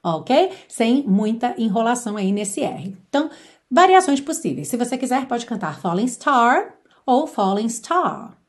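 A woman who speaks natively teaches English in a lively online lesson, energetic and sometimes singing lyric lines slowly to demonstrate them. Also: fairly high pitch.

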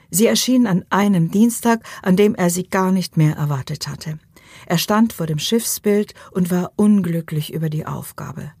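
A woman narrating an audiobook in a calm, even storytelling manner. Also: fairly low pitch, breathy edge, dry recording. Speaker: audiobook reader.

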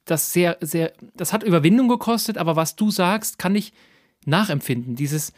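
Man, podcast host, raised pitch, very dry close sound, hesitant restarts. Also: lively intonation, moderate pace, dry recording. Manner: hesitant, repeats words while forming questions. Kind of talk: conversational interview.

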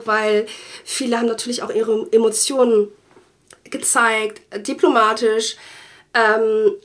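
The host of a faith podcast, a woman from Germany, shares her testimony with sincerity, slowing down often and slipping into quiet whispers. Her voice sits a little high.

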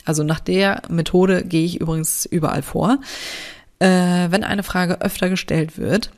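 A woman's voice: lowish voice, fairly even intonation, a little slow, darkish tone. A woman with a German accent and a nasal, stuffy-nosed voice, chatting casually and bluntly as a solo podcast host.

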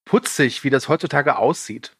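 A man's voice: mid-range voice, moderate pace, sharp tone, husky, dry recording, clean studio sound. A man from Germany, a guest on a film podcast, chatting casually and self-deprecatingly about games and movies. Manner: chatty, self-deprecating, laughs while telling anecdotes. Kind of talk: casual chat.

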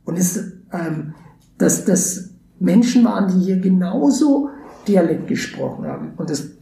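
His voice is high and warm with some vocal fry: a Brazilian theatre educator, Portuguese his first language, being interviewed conversationally on a podcast. He reflects as he speaks, stumbling through frequent fillers and restarts. Room echo and a faint hiss are audible.

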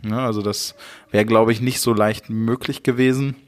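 A man in his thirties from Hamburg, a podcast interview guest who talks with many pauses, fillers and restarts. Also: mid-range voice, fairly even intonation. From Hamburg, Germany. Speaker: interview guest, managing director.

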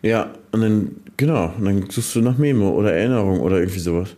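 A man's voice: fairly low pitch, expressive, fast, warm tone. A man co-hosting a casual podcast, chatting easily about his farm work. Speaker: podcast co-host; farmer running a grain dryer. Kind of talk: casual chat.

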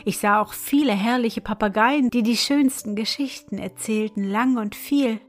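A woman's voice: a little high, normal speed, faint music behind, natural voice. A woman doing a wistful homesick canary. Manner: sing-song, wistful. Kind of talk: storybook reading.

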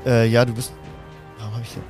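Male game master, halting and filler-heavy. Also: little pitch movement, music in the background. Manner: hesitant, many fillers, jumps into high shouted character voices. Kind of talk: running a tabletop game, voicing the characters.

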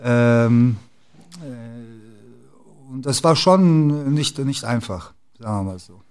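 A middle-aged man from the former Yugoslavia, a basketball club executive, speaks as a guest in a casual interview. His mid-range voice is a little mellow, and he takes it slowly, with many fillers and restarts.

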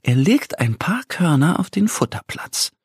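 Slow, lively storytelling man. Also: a little high, breathy edge, no room sound, studio quality. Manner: gentle storytelling. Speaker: narrator. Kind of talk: children's story narration.

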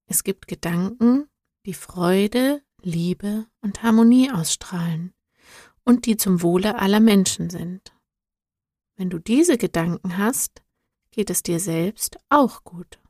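A woman reading a storybook, voicing a calm, patient male guide who explains things gently. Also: medium pitch, slow pace, no room sound, studio quality.

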